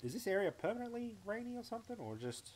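A young Australian man streams a game live from home, chatting playfully to himself as he plays. His voice is high-pitched and sing-song, and he talks fast, with slight background noise.

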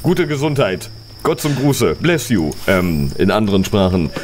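A man's voice: low-pitched, very animated, moderate pace, loud music behind the voice. A man playing a game on stream, musing to himself in a puzzled, playful way. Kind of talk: casual gaming commentary.

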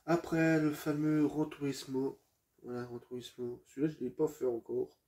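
A man's voice: mid-range voice, fairly even intonation, moderate pace, darkish tone. A man presenting his video game collection in a casual, hesitant way, with many fillers and restarts, addressing viewers as friends.

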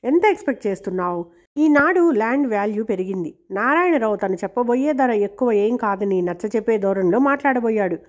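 A woman reading a novel aloud in a steady, expressive storytelling voice. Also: a little high, a little fast, hardly any pauses. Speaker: audiobook reader. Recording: dull lo-fi recording.

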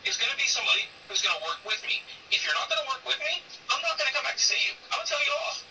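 A woman's voice: high-pitched, expressive, very fast, sharp tone, recorded from a distance, a little hiss or hum, rough recording. A woman in her forties chatting casually while streaming a game, blunt and profane and teasing, turning preachy when she talks about faith. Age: 40s. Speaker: gaming streamer.

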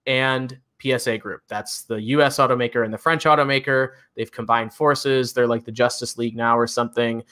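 A man's voice: medium pitch, steady tone, a little fast, few pauses, bright, forceful tone. A man with a Midwestern accent co-hosting a car news recap, talking in an enthusiastic, chatty way. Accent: Midwestern American. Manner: chatty, enthusiastic, frequent fillers and laughs. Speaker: co-host of a car news show. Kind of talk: casual news recap chat.

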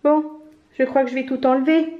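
A woman reading a storybook aloud, voicing a curious, polite little girl in a bright, eager childlike voice. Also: sits high, fairly even intonation, brisk, pitched above the performer's own voice, close to an everyday voice. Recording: roomy, slightly dull home recording.

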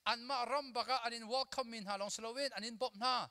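A man in his thirties preaches to young people on a large church stage. His voice sits very high and sounds bright and sharp. He talks close into a handheld mic, and a long hall reverb trails behind his words. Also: brisk. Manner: animated, mixes English with his own language, drills the crowd with call-and-response. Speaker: youth conference speaker. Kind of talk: energetic sermon to a youth audience.

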